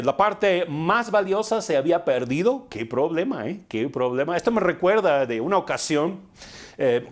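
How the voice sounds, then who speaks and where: A man delivers a sermon, telling stories in a relaxed, conversational way. He poses rhetorical questions and pauses on fillers as he goes. His voice sits a little high for a man. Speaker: preacher.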